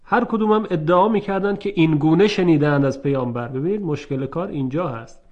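A man's voice: a little high, muffled recording. A male lecturer explaining a religious topic patiently, using examples and asking rhetorical questions.

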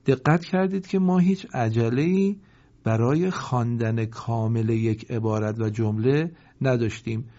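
Man teaching Quran reading, chanting slowly. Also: medium pitch, mellow, dull audio. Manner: chants examples slowly word by word, explains in quick asides. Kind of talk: recorded reading lesson with repeat-after-me drills.

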